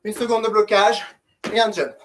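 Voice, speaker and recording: A man's voice: sits high, steady tone, normal speed. A man coaching a group workout, giving short, commanding and encouraging instructions. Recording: distant mic, noisy background, clicks.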